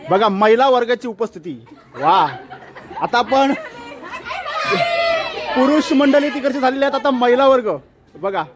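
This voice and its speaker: A man's voice: very high-pitched, a little slow, pauses often. A man vlogging as he walks through a street festival, chatting, exclaiming and greeting passers-by. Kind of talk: casual walking vlog commentary. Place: outdoor city street at a festival. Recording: loud street crowd behind.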